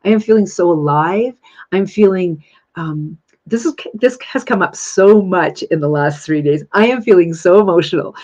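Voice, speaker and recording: A woman's voice: on the low side, normal speed, darkish tone, lo-fi sound. A woman in her thirties hosting a live spiritual question-and-answer session, talking earnestly and effusively and repeating phrases for emphasis. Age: 30s. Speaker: spiritual Q&A host.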